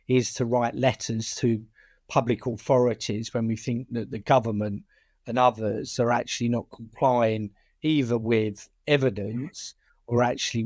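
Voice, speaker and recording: There's no echo as this UK charity chair and campaigner talks through his answers in a conversational interview. His voice is mid-range and darkish, his accent British working-class, and he tends to repeat words and begin sentences again.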